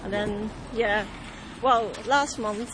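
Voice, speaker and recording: A woman from Japan, chatting softly on a city walk. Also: mid-range voice, slow pace. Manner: soft, frequent murmured agreement. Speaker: walk participant. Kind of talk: casual conversation while walking. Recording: outdoor street noise.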